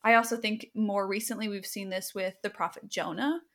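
A woman's voice: mid-range voice, fairly even intonation, a little fast, gravelly. Thoughtful woman co-hosting a podcast. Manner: thoughtful, reflective, with fillers. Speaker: podcast co-host. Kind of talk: casual conversation.

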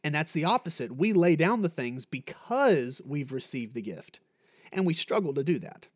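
A man's voice: on the high side, very animated, moderate pace. Man preaching a sermon, muffled recording. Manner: conversational preaching with rhetorical questions and acted-out quotes. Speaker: pastor.

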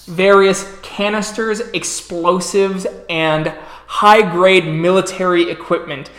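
A man's voice: sits high, sharp tone. Storyteller man in an echoey room. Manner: descriptive, laughing easily. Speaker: storyteller, game master. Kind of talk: narrating a tabletop game over voice chat.

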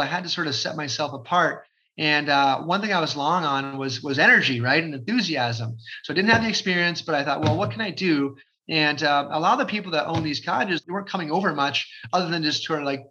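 A man in his forties from Ontario, Canada, talking as an interview guest in an energetic, chatty way, with lots of fillers. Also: fairly high pitch. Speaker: guest, realtor. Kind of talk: casual interview talk. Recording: dull lo-fi sound.

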